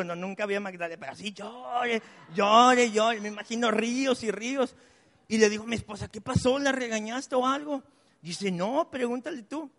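A pastor with a high, slightly bright voice preaches from the pulpit of a church hall in a conversational style, full of chatty asides and personal stories. The recording has a long church-hall reverb.

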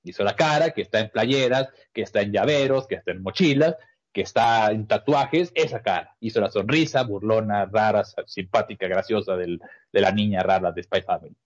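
A man recapping an anime episode in casual, animated chat. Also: fairly low pitch, normal speed. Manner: animated storyteller, lots of fillers and restarts. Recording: dull lo-fi sound.

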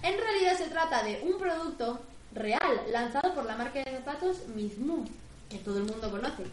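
A woman's voice: sits high, expressive, brisk, reverberant. A young Spanish woman co-hosting a university radio show, chatting and teasing with laughter. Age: young adult. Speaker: radio co-host. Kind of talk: casual radio banter.

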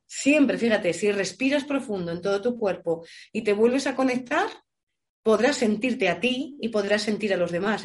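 A woman voice coach answering audience questions with lively, expressive advice. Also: mid-range voice. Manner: warm, expressive, illustrates with shouts and playful voices. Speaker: voice coach guest.

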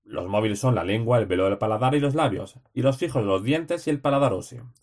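A man reads out study notes at a middle pitch. He works through terse headings and short lists, one item after another, like someone revising for an exam. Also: animated, fairly quick, darkish tone. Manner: clipped list-like reading, terse headings. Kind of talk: reading study notes aloud.

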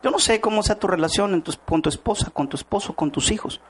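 A man's voice: high-pitched, quick pace, a bit bright, breathy edge. Man giving a motivational talk. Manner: rhetorical questions to the audience, acts out quoted voices. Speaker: network marketing speaker. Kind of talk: motivational talk to a live audience.

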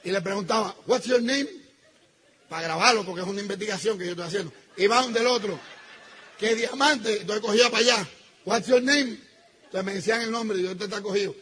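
A man telling an audience a personal story, acting out the dialogue and swinging between loud outbursts and hushed asides. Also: high voice, quick pace, husky. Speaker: speaker telling his business story to an audience.

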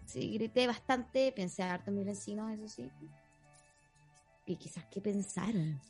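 A young adult woman with a Chilean accent, co-hosting a casual podcast chat from her apartment in a chatty, expressive way. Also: medium pitch, measured pace, breathy edge, faint music behind. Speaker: podcast co-host. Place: home apartment.

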